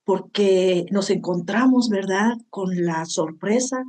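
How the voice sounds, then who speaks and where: A woman's voice: mid-range voice, takes it slowly, a little mellow. A woman giving heartfelt Bible teaching to a women's group, often asking "¿verdad?". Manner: heartfelt, tags lines with "¿verdad?".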